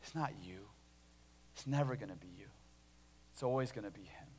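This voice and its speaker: Pastor in a reverberant hall, energetic. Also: male voice, lowish voice, moderate pace, a little hiss or hum. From Illinois, USA. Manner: animated storytelling, many restarts, swings between loud and hushed. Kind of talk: sermon with personal story.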